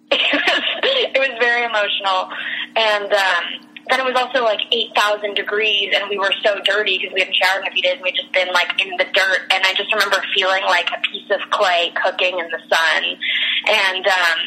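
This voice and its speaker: A woman's voice: medium pitch, fairly even intonation, normal speed, sharp tone, a little hiss or hum, poor audio. A young woman casually telling a long personal story, rambling with lots of fillers and restarts and laughing as she goes. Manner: laughs through her story.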